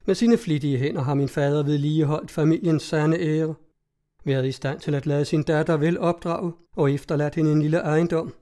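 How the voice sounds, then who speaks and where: A man's voice: fairly high pitch, fairly even intonation, mellow, natural voice. A man reading the lines of a cheerful, witty young woman in a storybook, teasing and composed.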